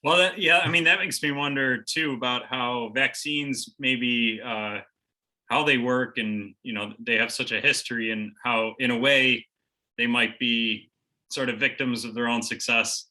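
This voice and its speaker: A man from the United States hosts the conversation as a business law instructor, thinking aloud with frequent pauses and restarts. His mid-pitched voice has a very bright, sharp edge. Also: fairly even intonation, rough recording. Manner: thoughtful, hesitant, musing. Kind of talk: conversational interview.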